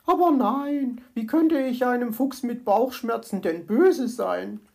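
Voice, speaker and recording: A woman voicing a bossy, motherly female magpie nurse who talks in a brisk, self-satisfied way. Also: fairly high pitch, creaky, a little mellow, pitched above the performer's own voice. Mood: fussing.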